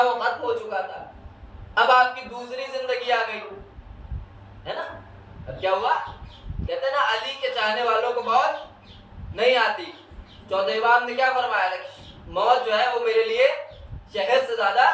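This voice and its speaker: A man's voice: very high-pitched, bright, forceful tone, slight background noise. A man with a North Indian Urdu accent giving a majlis sermon, asking the audience questions and answering them himself, and telling stories through quoted dialogue. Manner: tells stories with quoted back-and-forth dialogue. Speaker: zakir, religious speaker at a mourning gathering. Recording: echoey hall, voice heard from far.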